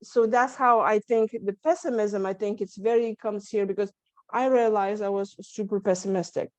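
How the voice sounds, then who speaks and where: In a mid-range voice that is steady and darkish, a Lithuanian-accented woman from Lithuania speaks at a moderate pace as a guest in a candid interview, telling her story as a stress management coach. She's earnest, with plenty of restarts and small laughs. The audio comes from a video call at her home setup, using the call's microphone, and has no room sound.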